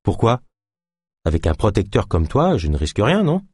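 An earnest, worried young hero, as an audiobook narrator puts him on, with a husky voice. His pitch rises and falls with feeling. The recording is dry and close. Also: huge pitch swings, moderate pace, darkish tone, dry recording, exaggerated voice. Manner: earnest and defensive.

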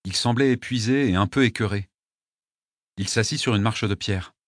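A man's voice: fairly low pitch, normal speed, no echo. Man reading a story, dry sound. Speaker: audiobook narrator. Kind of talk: scripted narration.

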